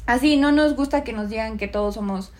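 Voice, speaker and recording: A woman's voice: on the high side, brisk, darkish tone. A woman from Mexico with a Mexican accent in a casual chat, rambling with many fillers. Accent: Mexican Spanish.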